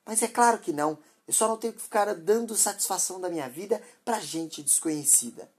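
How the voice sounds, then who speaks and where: A woman's voice: medium pitch, expressive, a little fast, a little mellow, husky, pitched above the performer's own voice. A woman voicing a harsh, impatient mother who scolds sharply and dismissively. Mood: scornful.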